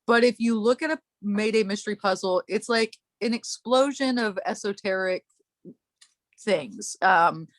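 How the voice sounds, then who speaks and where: A woman's voice: mid-range voice, measured pace, dry recording. A woman hosting a casual chat, telling a long story in a rambling way, breaking off and laughing often. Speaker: podcast host.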